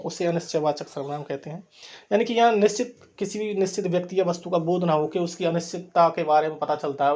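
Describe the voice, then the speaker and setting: A man's voice: high voice, a little mellow. A man teaching a grammar lesson, explaining patiently and repeating each point in simpler words.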